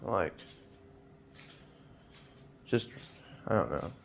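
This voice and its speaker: A man's voice: deep voice, expressive, drawn-out words, vocal fry, slight background noise. A man in his twenties talking in a personal vlog, hesitant and rambling with many fillers, sounding weary and anxious. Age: 20s.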